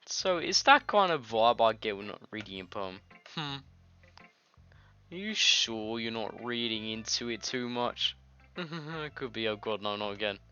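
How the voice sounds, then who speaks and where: Unhurried but animated, a man with a low-leaning, bright and forceful voice reads visual novel dialogue aloud, joking informally between lines. He sounds congested from a nasty cold and coughs now and then. His dull lo-fi mic picks up game music in the background.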